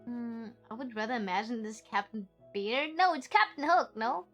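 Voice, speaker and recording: A woman streamer chatting casually and excitedly while playing a game, often talking fast. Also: fairly high pitch, faint music behind.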